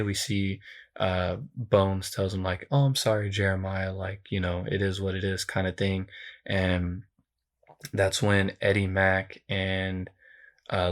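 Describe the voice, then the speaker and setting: A man co-hosting a podcast, casually retelling a film's plot with lots of fillers. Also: low voice. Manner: relaxed storytelling with many fillers. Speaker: podcast co-host. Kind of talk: casual movie recap chat.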